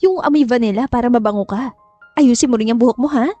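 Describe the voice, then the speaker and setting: A woman's voice: on the high side, fast talker, mellow, no echo, muffled recording, soft background music, close to an everyday voice. A woman doing a cold, scheming mother. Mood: coaxing commands. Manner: curt, commanding, coaxing.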